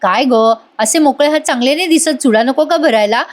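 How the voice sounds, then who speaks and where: A woman's voice: sits high, a little fast, lightly acted. A woman voicing a sly young wife who coaxes and mocks. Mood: mocking.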